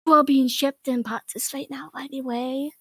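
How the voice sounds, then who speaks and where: A woman voicing a vain, boastful evil queen diva, her voice run through a voice changer that shifts its pitch, speaking haughtily and laughing at herself mid-sentence. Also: fairly even intonation, unhurried, fairly bright tone, no room sound, studio quality. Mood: haughty. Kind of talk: comedic character roleplay.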